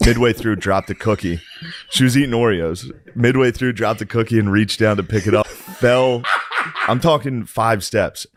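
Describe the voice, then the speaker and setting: A man's voice: on the low side, moderate pace, a little hiss or hum. A man in his thirties co-hosting a podcast, telling profane, rambling stories and laughing through them. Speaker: podcast co-host. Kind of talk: casual comedic storytelling.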